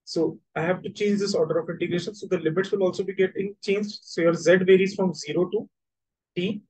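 High-voiced North Indian man teaching maths. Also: fairly even intonation, a little fast, darkish tone, husky, poor audio. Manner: repetitive explaining, switching between languages, checking understanding. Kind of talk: online whiteboard lesson.

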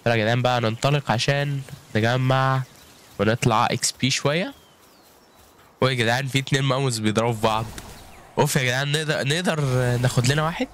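This male gaming YouTuber from Egypt chats through live gameplay at a quick pace, his medium-pitched voice fairly bright and broken by frequent pauses. Speaking with an Egyptian Arabic accent, he keeps addressing viewers with lots of exclamations, over a little hiss or hum.

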